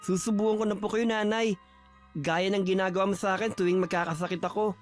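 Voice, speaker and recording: A man acts out a sweet, devoted son, soft-spoken and polite, in a high, light voice. Faint music hums under this audio drama. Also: steady tone, quick pace, close to an everyday voice. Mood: tender. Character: gentle devoted son caring for his mother.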